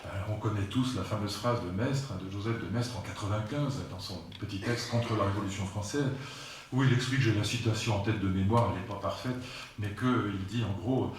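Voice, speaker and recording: Here a man of about sixty-something from France gives a public philosophy lecture in a rather low voice, moving briskly. Emphatic and prone to digressions, he drops asides to his audience. The lecture hall echoes heavily, the mic is far away, and there's a little hiss or hum.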